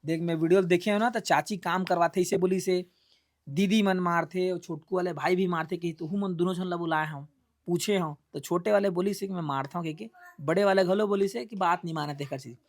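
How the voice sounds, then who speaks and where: A woman's voice: lowish voice, brisk. Coaxing woman interviewer with Chhattisgarhi accent. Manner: coaxing, gently instructing a child. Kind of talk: casual street interview.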